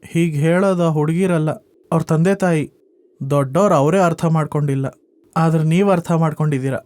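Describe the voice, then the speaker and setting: A man's voice: fairly high pitch, brisk, a little mellow, dry recording, natural voice. An actor playing a tearful young man who keeps begging a woman to marry him, in a web series drama. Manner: pleading, repetitive. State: crying.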